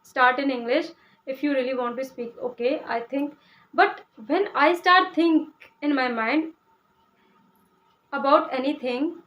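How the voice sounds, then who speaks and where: This is a young Hindi speaker from Uttar Pradesh, India, casually explaining to camera how to learn English. Her voice sits high and unhurried, broken by many "uh" sounds and restarts, and she keeps asking "okay?". The audio is muffled.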